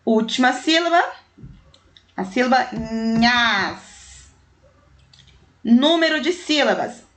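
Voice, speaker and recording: A woman teacher with a fairly high voice goes through a primary school lesson at a slow, unhurried pace. She breaks words into syllables and counts letters aloud one by one, and she calls the words by fond little diminutives for young children. Her delivery is patient and clear. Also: a bit bright. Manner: affectionate diminutives for young pupils.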